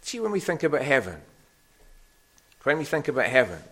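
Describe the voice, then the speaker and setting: A middle-aged man with a Scottish Hebridean accent, giving a conversational children's sermon as an animated story with questions to his listeners. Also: medium pitch, fairly quick. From Harris, Scotland. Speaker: preacher giving a children's talk.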